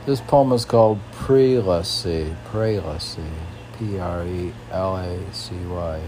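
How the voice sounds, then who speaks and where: A man with a low voice reads his own poetry slowly, against a noisy background. He comments on the poems in casual, rambling asides, often questioning himself as though talking to no one in particular.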